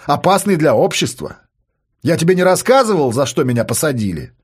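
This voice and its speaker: A cold, provocative psychologist, as a male reader plays him, taunting calmly with a husky edge. His pitch rolls up and down with relish as he needles his victim. Read aloud in a storybook voice. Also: brisk, heavily acted. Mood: coolly taunting. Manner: calm, mocking, taunting.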